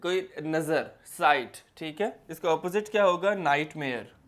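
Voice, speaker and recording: A man's voice: fairly high pitch, unhurried, fairly bright tone. A young adult man, teaching a classroom lecture and explaining step by step, repeating key words.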